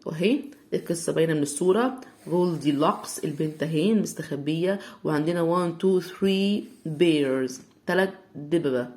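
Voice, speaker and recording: Egyptian woman teaching English slowly. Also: low voice, a little mellow. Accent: Egyptian Arabic. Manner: slow, drawn-out syllable-by-syllable sounding out of words. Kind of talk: children's English lesson.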